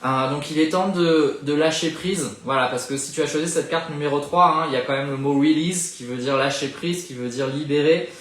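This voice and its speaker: A man giving a live oracle card reading, speaking gently and encouragingly to the listener and often pausing to search for words. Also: fairly high pitch, roomy sound. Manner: thinks aloud with frequent hesitations. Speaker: spiritual card reader.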